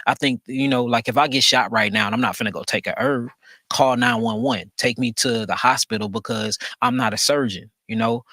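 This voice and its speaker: Casting: emphatic man, bright forceful tone, dry close recording. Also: medium pitch, fairly even intonation, fairly quick, dry recording. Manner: emphatic, repeats phrases, asks rhetorical questions. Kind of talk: conversational monologue.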